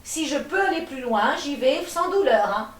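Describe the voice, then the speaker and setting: A woman teaching a gentle gym class, calmly cueing breaths and movements while she demonstrates. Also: high voice, normal speed. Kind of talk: guided exercise class. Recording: echoey room, voice from a distance.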